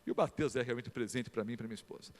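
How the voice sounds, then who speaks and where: A middle-aged man, a pastor, preaching a sermon and telling stories in a lively way, acting out quotes and putting questions to the congregation. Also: medium pitch, rapid-fire. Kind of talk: sermon with storytelling. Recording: long reverb of a large hall.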